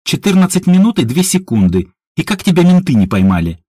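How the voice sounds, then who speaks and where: Brief: teasing young woman with a lively lilt and a husky edge, put on by a male narrator. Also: on the high side, brisk, dry recording, studio quality, pitched above the performer's own voice. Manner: mocking, playful.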